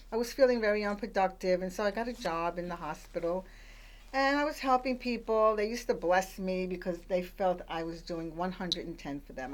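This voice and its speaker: An older woman from Puerto Rico, raised in the Bronx, chatting as a radio guest with many fillers and restarts as she tells her life story. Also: on the low side. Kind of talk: conversational storytelling.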